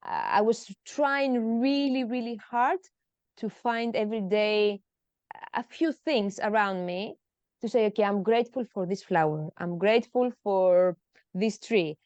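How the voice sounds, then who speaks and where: A Greek woman in her thirties, whose first language is Greek, speaks a little slowly in a mid-range, darkish voice as a podcast guest in a personal interview. She sounds hesitant and emotional, using lots of fillers. The audio has no echo, but the highs are cut off.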